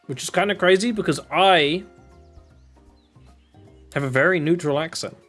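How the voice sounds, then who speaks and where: Speaking at a moderate pace with a somewhat bright tone, a young British man rambles through casual commentary while streaming a video game. His accent is southern English, he's from England, his pitch jumps without warning, and faint music runs behind him.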